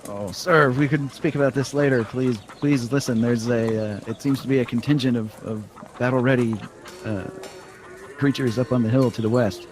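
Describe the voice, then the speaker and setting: A man's voice: a little high, animated, brisk, few pauses, pitched above the performer's own voice, natural voice. A man playing an eager, self-important would-be noble in a tabletop game, pleading urgently, over a noisy recording. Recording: noisy home podcast recording.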